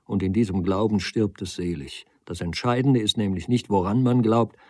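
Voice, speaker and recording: Man reading a fervent young wanderer, kinda low voice, dry sound, gets all declamatory. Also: steady tone, moderate pace, no echo, close to an everyday voice. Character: intense young man, earnest wandering philosopher.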